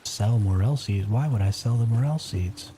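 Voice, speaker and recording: A man whispering quietly as he chats casually on a live gameplay stream. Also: lowish voice, normal speed, slight background noise.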